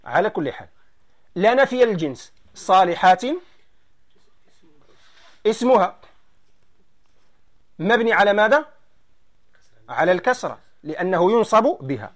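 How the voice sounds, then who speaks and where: A man with a Moroccan Arabic accent teaching a grammar lesson, explaining slowly and quizzing his students. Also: sits high, big pitch swings, fairly bright tone.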